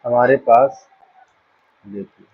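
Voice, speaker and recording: Heard through dull, dry, lo-fi room sound, a man speaks slowly in a mid-range voice with a breathy edge. He is patiently taking a school maths class through counting problems, frequently checking that the students keep up.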